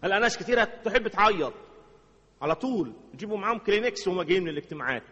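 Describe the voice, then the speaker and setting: A man with an Egyptian Arabic accent preaching a sermon dramatically, jumping from loud exclamations to slow, low phrases. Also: animated, husky. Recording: dull sound with long hall reverb.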